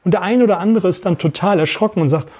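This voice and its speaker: A middle-aged podcast host and sales trainer talks with energy about sales and voice work, repeating phrases and demonstrating voice techniques in a casual monologue. His voice sits high, with a darkish, slightly rough tone and a quick pace.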